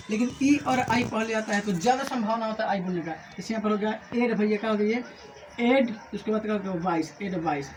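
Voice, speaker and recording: A man's voice: sits high, noisy background. A man teaching English pronunciation rules to a coaching class. He explains each rule step by step, calls his students bhaiya and asks and answers his own questions. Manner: explains rules step by step, adds a short motivational rhyme. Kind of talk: classroom lesson.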